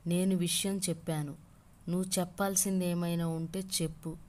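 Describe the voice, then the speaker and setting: A woman's voice: lowish voice, little pitch movement, normal speed, darkish tone, lightly acted. A woman voicing a blunt, worried young wife who speaks sharply and directly. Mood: stern.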